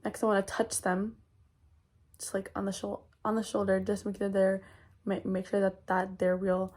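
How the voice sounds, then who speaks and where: A young woman talks straight to her vlog audience in a loose, chatty way. She rambles and restarts her sentences and scatters fillers through them. Her voice sits at an average pitch for a woman. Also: monotone, normal speed, a little mellow. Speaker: vlogger. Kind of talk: casual vlog chat.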